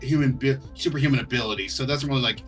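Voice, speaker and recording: A man chatting casually on a podcast, animated and cursing freely, who slips into character voices. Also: medium pitch, rapid-fire, soft background music. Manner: animated, swears often, puts on character voices. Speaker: co-host.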